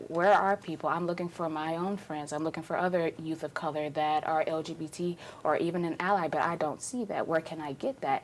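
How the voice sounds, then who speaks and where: A woman in her twenties from Alabama speaks in a notably low voice. She talks earnestly and with emphasis as a paralegal fellow in a group discussion. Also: slight background noise. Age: 20s.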